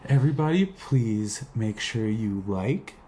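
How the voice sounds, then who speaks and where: A man's voice: on the low side, lively intonation, unhurried, mellow, slight background noise, voice pushed up. A man voicing the couple's male dog as a chirpy announcer who signs off with robot beeps.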